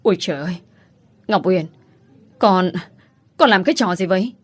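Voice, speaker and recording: A woman's voice: on the low side, lively intonation, normal speed, dry recording. A woman voicing a distraught middle-aged mother who wails reproaches at her daughter. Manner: wailing reproach.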